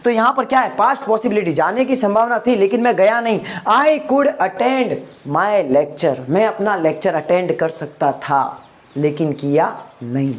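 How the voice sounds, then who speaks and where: Man teaching an English lesson. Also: sits high. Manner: rhetorical questions, calls listeners "my dear", checks "are you getting?"; slows to spell out English example sentences. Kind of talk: spoken English lesson explained in Hindi.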